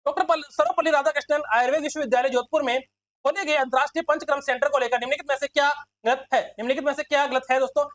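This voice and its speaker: A male teacher running a quick exam quiz lesson, repeating himself and constantly calling his listeners friends. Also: very high-pitched, steady tone, a bit bright, no room sound. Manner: fast, repetitive, keeps addressing listeners as friends.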